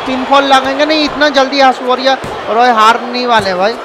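Excitable high-voiced male game commentator. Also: moderate pace. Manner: excitable, shouts often, calls people bhai. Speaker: gameplay commentator. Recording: noisy background with crowd sounds. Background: video game arena crowd and noise.

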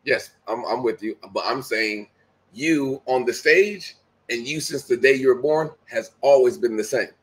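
Over a rough recording, a middle-aged man speaks unhurriedly at medium pitch as a guest on a home video call. The conversation is motivational, delivered in a forceful, sermon-like manner with his main lines repeated.

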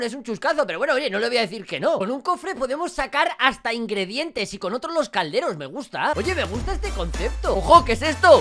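An excitable woman narrates her gameplay in a quick, joking Let's Play style. Her voice sits a little high, and she often repeats words when something happens. Soft game music runs underneath. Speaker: gaming YouTuber.

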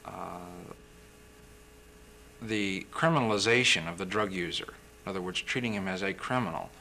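Deep-voiced young man explaining calmly. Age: young adult. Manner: measured, explanatory, occasional throat-clearing. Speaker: physician guest. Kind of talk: interview answers. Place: TV studio.

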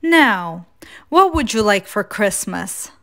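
A woman's voice: medium pitch, big pitch swings, slow pace, creaky, fairly bright tone, exaggerated voice. Santa Claus, jolly old man, read by a woman. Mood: kindly.

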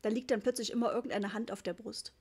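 A woman narrating a children's audiobook in a lively storytelling manner. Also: fairly high pitch, fast, slightly rough. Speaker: audiobook reader.

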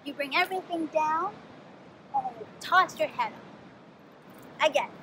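Woman dance teacher outside, high bright voice, slow and careful. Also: slight background noise, rough recording. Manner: careful step-by-step explaining. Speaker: dance instructor. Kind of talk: dance tutorial.

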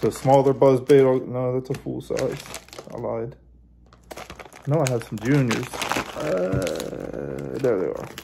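A man hosting his own fishing channel, casually showing how he bends and adjusts a lure while he talks, in a relaxed hands-on way. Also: medium pitch, slow, vocal fry, heavy background noise. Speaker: bass angler, channel host.

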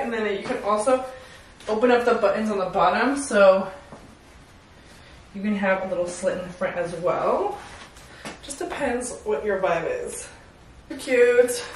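A woman's voice: medium pitch, a little slow, pauses often, a little hiss or hum. A young adult woman doing a casual try-on haul to camera, bubbly and chatty, constantly addressing her viewers. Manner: bubbly and chatty, says "you guys" constantly. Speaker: fashion vlogger. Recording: echoey room.

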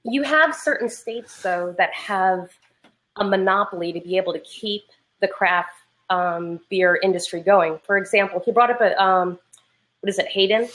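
A woman's voice: medium pitch, normal speed, fairly bright tone. A woman from Pennsylvania joining a casual beer chat, talking with a slight lisp. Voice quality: slightly lispy.

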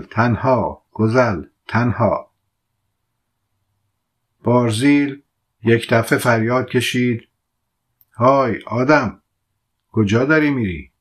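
Calm male audiobook narrator. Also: medium pitch. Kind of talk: literary audiobook reading.

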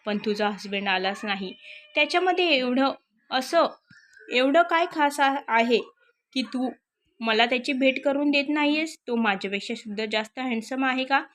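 A woman's voice: high-pitched, normal speed, fairly bright tone, pitched above the performer's own voice. A woman voicing a teasing young male boss. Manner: playful, pushy, chatty. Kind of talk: storybook narration.

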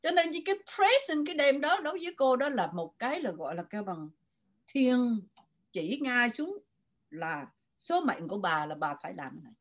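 A woman's voice: on the high side, sing-song, normal speed. An older woman from Vietnam with a Southern Vietnamese accent, telling her story animatedly as an interview guest and switching between Vietnamese and English. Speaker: guest writer.

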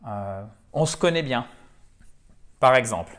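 A man teaching English to camera, lively, clapping and slowly repeating words to stress them. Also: mid-range voice. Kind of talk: spoken language lesson to camera.

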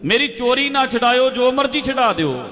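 A man's voice: extremely high pitch, lively intonation, moderate pace, fairly bright tone, pitched above the performer's own voice. A man voicing a cunning, bold male thief who eagerly bargains with his teacher. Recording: echoey hall with faint music.

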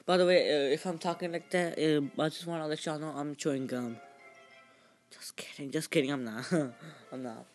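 A man with a fairly high voice gives loose, chatty gameplay commentary. He stumbles through restarts and fillers, then shouts and cheers at the action on screen. Game music plays clearly behind him. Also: fairly even intonation. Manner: rambling, halting, with many fillers and restarts. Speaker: gaming channel host.

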